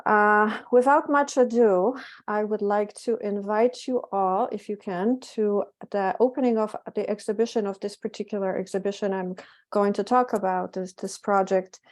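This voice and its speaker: A middle-aged woman from Poland with a Polish accent, giving a public lecture in a halting way with frequent self-corrections. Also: mid-range voice, fairly even intonation. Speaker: presenter, physician and project curator.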